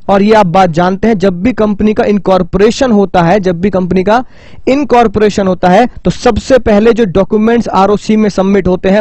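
An Indian man teaching a recorded lecture, lively, repeating key points and asking his class rhetorical questions. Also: high-pitched, no room sound.

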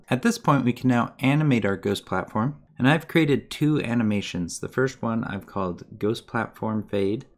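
A man giving a methodical step-by-step game development tutorial as a voice-over. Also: fairly low pitch. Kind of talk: screen-recorded coding tutorial.

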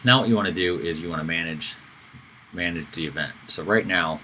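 Deep-voiced man walking through a tutorial. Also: brisk, pushed and bright, slight background noise, poor audio. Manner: casual, with fillers and self-corrections. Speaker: instructor. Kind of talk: screen-recorded software tutorial.

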